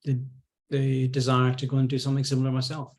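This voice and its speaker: Scottish musician guest, 50s, steady and unhurried, little pitch movement, webcam interview from home studio. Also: male voice. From Scotland. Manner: relaxed, reflective, many ums and restarts. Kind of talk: casual interview chat. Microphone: video call.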